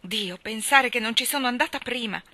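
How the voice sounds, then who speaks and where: A woman voicing a distraught, impulsive young girl who cries out in a high, raised, urgent voice. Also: animated, unhurried, sharp tone, breathy edge, no room sound, exaggerated voice. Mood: desperate.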